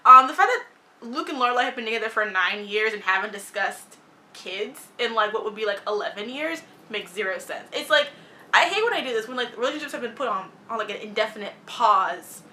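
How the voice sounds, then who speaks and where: A woman's voice: fairly high pitch, animated, a little fast, sharp tone, a little hiss or hum. A young woman reviewing a TV show in casual, opinionated chat, blunt and sarcastic, swearing freely and saying "like" a lot.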